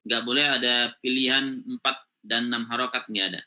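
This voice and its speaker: A man's voice: mid-range voice, flat delivery, fairly quick, bright, forceful tone. A man teaching Quran recitation rules in an online class, explaining step by step with frequent "ya" and "gitu ya" checks.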